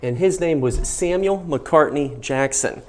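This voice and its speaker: A man hosting an informal on-location guided tour, explaining history in measured, emphatic phrases. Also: a little high. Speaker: host of a history and film channel, guiding a museum tour. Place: inside a museum gallery.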